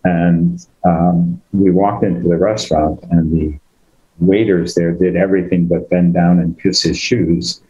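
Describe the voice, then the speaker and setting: Speaking as a guest on a video call, an older man from the United States shares a personal story in a deep, dark voice with a steady tone. His delivery halts, with many fillers and false starts, and the audio is dull.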